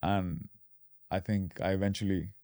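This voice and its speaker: Low, mellow-voiced man explaining. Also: unhurried, dry recording, studio quality. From Dubai. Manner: relaxed, explanatory, fillers and restarts. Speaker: guest. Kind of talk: casual interview.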